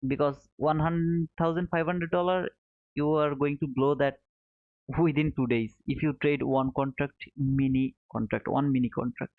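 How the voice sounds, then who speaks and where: Over a thin, phone-like connection with noticeable room echo, a fairly high-voiced man from Bangladesh, in his 30s, runs a live trading stream. He answers viewers' comments in a friendly, casual way, repeating short phrases, with fairly even intonation at normal speed.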